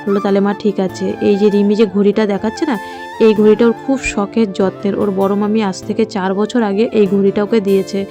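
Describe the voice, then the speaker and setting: A woman's voice: mid-range voice, little pitch movement, brisk, hardly any pauses, music in the background. A middle-aged woman, a mother chatting casually in her vlog, rambling and heartfelt with many fillers. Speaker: mother and vlogger.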